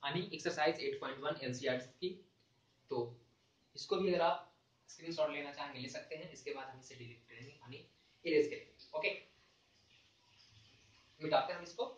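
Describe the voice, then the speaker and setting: A man teaching a math lesson at a board, talking through formulas slowly and checking in with the class again and again. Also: fairly high pitch. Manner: repeats points with frequent "ठीक है" check-ins; slow and deliberate when writing formulas. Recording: echoey, dull sound from a distant mic.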